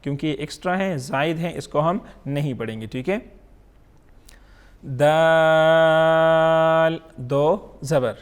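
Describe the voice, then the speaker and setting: His voice runs on the high side with a darkish tone as he teaches Quran recitation online. He pronounces each letter slowly and drawn out, checking in often through short questions.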